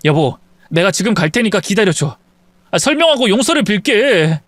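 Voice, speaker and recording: A man's voice: high-pitched, sing-song, normal speed, a bit bright, no echo. A man voicing a deceitful young husband who stammers and pleads with excuses in a dry recording. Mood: pleading. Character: lying, groveling young husband caught cheating.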